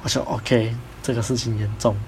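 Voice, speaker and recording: A man with a Taiwanese Mandarin accent, hosting a podcast, telling a personal story in a casual, animated way and acting out the people he quotes. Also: medium pitch, normal speed, slight background noise. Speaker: podcast host.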